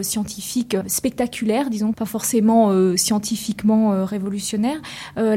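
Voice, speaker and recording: A woman's voice: a little high, mellow, slightly rough. A woman interviewing on the radio, asking long, hesitant questions.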